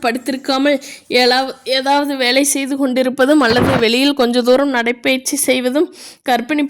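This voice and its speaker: A woman reading a family story aloud as narrator, telling it in a plain storybook manner. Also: sits high.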